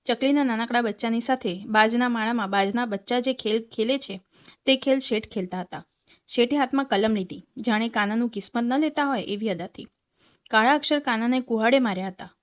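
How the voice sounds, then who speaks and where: A woman's voice: a little high, brisk. A woman storyteller reading a short story aloud and voicing each character's lines.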